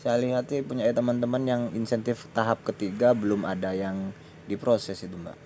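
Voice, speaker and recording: A man's voice: fairly low pitch, fairly even intonation, moderate pace, dark tone. A man making a casual enquiry as a caller on the phone. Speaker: caller to a helpline. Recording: phone call with faint background noise.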